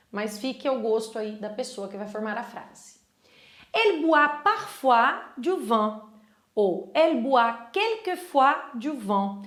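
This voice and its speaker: Lively Brazilian woman teaching French. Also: high voice, reverberant. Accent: Brazilian Portuguese. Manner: lively, chatty, switches often into French phrases. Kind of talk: casual online language lesson.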